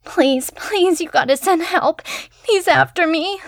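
A woman's voice: very high voice, big pitch swings, slow, a bit bright, pitched above the performer's own voice, full character voice. A woman doing a terrified young caller. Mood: pleading. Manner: panicked, pleading.

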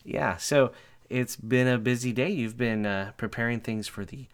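A man's voice: mid-range voice, normal speed, smooth. A man hosting a podcast, chatting casually and teasing his co-host. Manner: teasing, joking. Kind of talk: casual chat.

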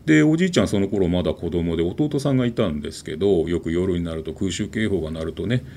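Fast, lively male ghost-story teller. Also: low-pitched, vocal fry, slight background noise. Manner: animated, dramatic storytelling with sound words.

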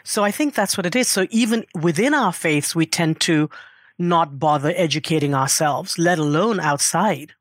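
A woman's voice: low-pitched, normal speed, no room sound. Earnest middle-aged woman, dry close sound. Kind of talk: conversational interview.

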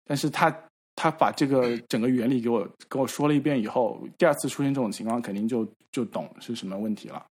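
Husky-voiced man telling a story. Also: mid-range voice. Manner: storytelling with acted-out quoted dialogue; frequent halting repeats. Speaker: podcast regular. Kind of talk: casual chat.

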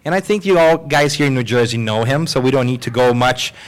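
A man's voice: medium pitch, brisk, clear, resonant tone. Jokey man hosting a live panel. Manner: jokey, lively, self-deprecating. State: slightly hoarse. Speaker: host. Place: symposium hall with audience.

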